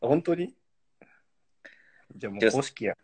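Here a footballer in his forties guests on a live stream, chatting easily, cracking jokes and laughing a lot. His medium-pitched voice is expressive and darkish with a breathy edge, and he keeps a measured pace.

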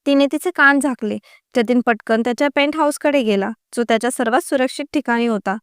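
Woman reading a story, smooth and dry. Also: fairly high pitch, fast talker, dry recording. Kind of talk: scripted story narration.

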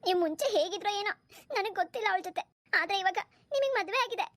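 A hurt young bride pours out tearful accusations in a very high, quick voice, as a woman voices her. A cartoon character. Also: expressive, fairly bright tone. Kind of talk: cartoon voice acting.

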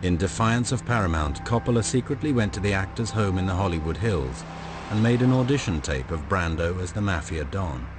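Deep-voiced man narrating a documentary. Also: lively intonation, brisk, noisy background. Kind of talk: scripted narration.

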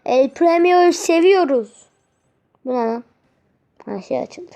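Woman, gaming commentary, high voice, mellow tone, repeats words, grumbling. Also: slow pace. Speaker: gaming video host. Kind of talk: live gameplay commentary.

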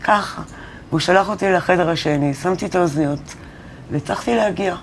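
A woman's voice: fairly low pitch, slight background noise. A woman singer-songwriter telling stories in a casual interview, acting out the dialogue she quotes. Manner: animated storyteller who acts out quoted dialogue. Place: college studio or classroom.

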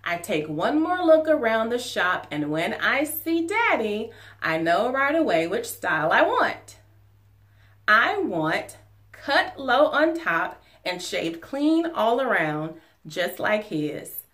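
A woman in her forties, a teacher reading a children's storybook aloud at home in an expressive, animated way. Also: a little high, slow. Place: living room at home.

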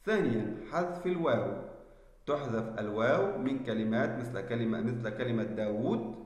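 Male teacher, spelling lesson, slow deliberate delivery, strong room echo, long reverb. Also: mid-range voice, animated, darkish tone. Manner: slow, deliberate explaining with checking questions.

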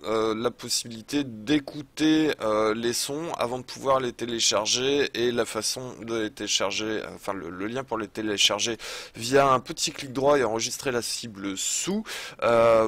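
A man from France hosting a software tutorial voice-over, talking hesitantly with many filler pauses. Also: medium pitch, no echo. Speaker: YouTube tutorial host. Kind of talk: screen-recorded software tutorial.

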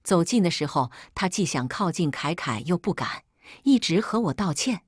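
Low, husky woman narrating a drama story. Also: sing-song, moderate pace, dry recording, clean studio sound. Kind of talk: first-person story narration.

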